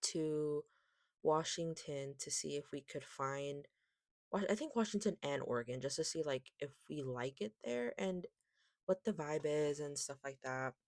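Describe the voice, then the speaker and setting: A woman's voice: low voice, a little mellow, dry recording. Lisping woman, dry close sound. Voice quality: lisp, slushy sh-like s. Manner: rambling, self-interrupting. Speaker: vlogger, K-pop collector. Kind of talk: casual rambling haul chat.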